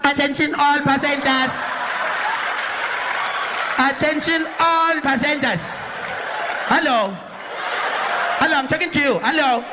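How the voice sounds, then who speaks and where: A man's voice: very high voice, slow pace, long pauses, pitched above the performer's own voice. Give me a man voicing a sloppy, chatty airport announcer with a South African accent who rambles and repeats himself over an airport intercom. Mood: careless. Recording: live comedy stage with loud crowd noise.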